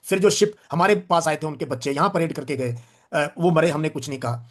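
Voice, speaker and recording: A man's voice: fairly high pitch, fairly quick. An older man, a retired veteran, giving emphatic, lecturing interview answers and repeating phrases for stress. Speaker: retired veteran diplomat guest.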